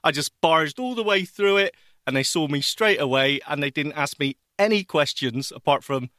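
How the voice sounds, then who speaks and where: Bright lively man co-hosting. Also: fairly high pitch, normal speed, dry recording, clean studio sound. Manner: lively, wry storytelling. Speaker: radio show co-host. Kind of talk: casual chat.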